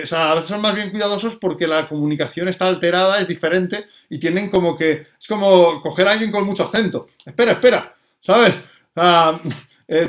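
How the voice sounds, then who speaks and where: A man's voice: high-pitched, fairly bright tone. A man, a dog trainer explaining things in a live talk and answering viewer questions, often checking in with his listeners.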